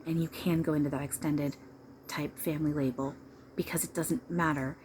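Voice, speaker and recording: A woman's voice: deep voice, fairly even intonation, moderate pace, darkish tone, a little hiss or hum. A woman speaking as a trance medium channeling a spirit, giving informal, emphatic, repetitive counsel straight to listeners. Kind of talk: seance medium channeling, informal advice monologue.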